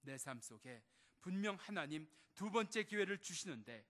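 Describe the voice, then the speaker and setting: A man's voice: sits high, expressive, normal speed, fairly bright tone. A male pastor preaching a sermon, telling stories and acting out the quoted lines. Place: church sanctuary. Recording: echoey church hall.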